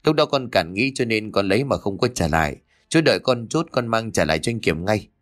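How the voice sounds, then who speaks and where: A man's voice: on the low side, lively intonation, a little fast, a bit bright. A man voicing a nervous, evasive young village man who stammers. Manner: stammering, hesitant.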